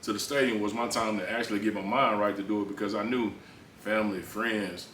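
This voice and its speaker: Roomy, low-voiced man. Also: steady tone, fairly quick, a bit bright. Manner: informal, repeats phrases for emphasis. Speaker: interview guest, former pro football player. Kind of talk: casual interview conversation. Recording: roomy echo, distant mic, faint noise.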